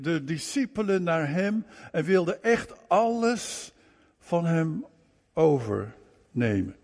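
A man's voice: high voice, gravelly. A man preaching a sermon, emphatic, repeating words and phrases for stress. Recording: long reverb of a hall.

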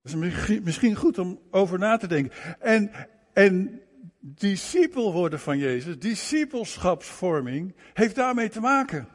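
Man preaching, slow deliberate delivery, emphatic repetitions, long hall reverb. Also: high-pitched, expressive. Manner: emphatic, repeats words and phrases for stress. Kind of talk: sermon.

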